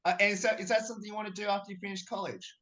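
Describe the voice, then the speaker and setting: A man's voice: high-pitched, little pitch movement, very fast, bright, forceful tone. A young man asking casual questions as a sports interviewer over a video call. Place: indoor room at home, video call.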